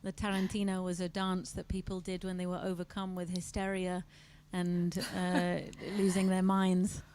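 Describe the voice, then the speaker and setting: A woman's voice: fairly low pitch, completely flat delivery, normal speed, a little mellow, clean tone. A woman musician chatting hesitantly with many fillers over a video call. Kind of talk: casual chat.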